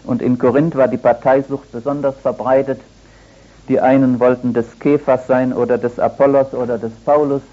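A man's voice: mid-range voice, level tone, normal speed. An older man delivers a sermon with an easy, storytelling manner and a dry touch of humor. His voice sits in an ordinary middle register. The sound is dull and lo-fi, like an old radio broadcast. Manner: conversational, anecdotal preaching with gentle humor. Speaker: preacher.

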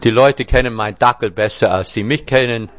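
A man delivers a sermon in a church hall, reading scripture aloud and slipping in dry jokes. His voice sits at an ordinary middle pitch. The recording sounds somewhat dull and lo-fi. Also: brisk, fairly bright tone. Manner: teaching, with wry humorous asides. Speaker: preacher. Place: church hall before a seated congregation.

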